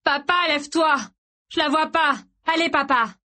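A woman reading an audiobook voices a panicked young man who shouts desperately for help and sobs as his father dies. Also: extremely high pitch, fairly even intonation, moderate pace, pitched above the performer's own voice, exaggerated voice. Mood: panicked shouting. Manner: shouting desperately, sobbing pleas.

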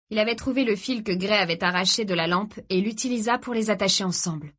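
A woman's voice: medium pitch, fairly bright tone. Woman narrating a thriller audiobook. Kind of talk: scripted narration.

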